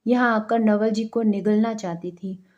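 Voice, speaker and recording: A woman's voice: mid-range voice, fairly even intonation, a little slow, darkish tone, lo-fi sound, close to an everyday voice. A woman voicing alarmed, gossiping village women in a storybook reading.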